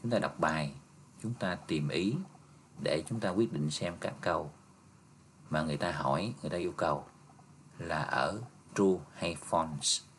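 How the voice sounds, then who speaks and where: A male teacher goes through an exam review step by step, patient, ending phrases with soft tags. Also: a bass voice, moderate pace, a little hiss or hum. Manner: patient, explains step by step, ends phrases with "ha" and "nha".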